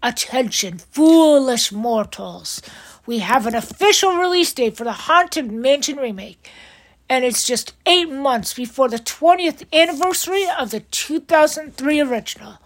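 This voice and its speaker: A woman's voice: high-pitched, animated, normal speed, fairly bright tone, rough recording. A woman hosting an entertainment news podcast, reading a script in an upbeat, playful way. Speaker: host.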